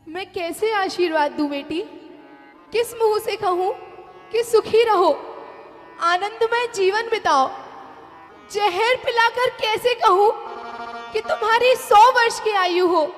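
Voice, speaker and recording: Brief: woman acting anguished penitent king, very high pitch, slow stage delivery. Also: fairly bright tone, heavily acted. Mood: pleading. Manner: anguished, pleading declamation. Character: remorseful king, grieving father of his daughter. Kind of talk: stage play dialogue. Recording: reverberant hall with background music.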